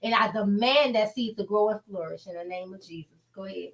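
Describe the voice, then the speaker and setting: A woman's voice: mid-range voice, a little fast, rough recording. An American woman co-hosting a talk show, chatting casually and preaching in an earnest, exhortative way. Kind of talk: casual chat with preaching and prayer.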